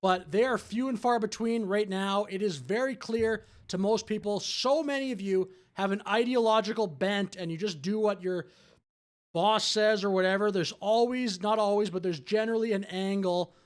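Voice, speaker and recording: High-voiced man arguing political commentary. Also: normal speed. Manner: argumentative, exasperated. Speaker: commentary host.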